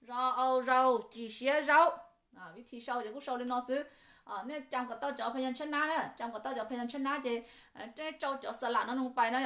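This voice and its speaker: Woman slowly spelling out syllables. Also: fairly high pitch, creaky, a bit bright. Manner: repeats syllables slowly, many fillers. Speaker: language teacher. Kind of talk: slow spelling lesson.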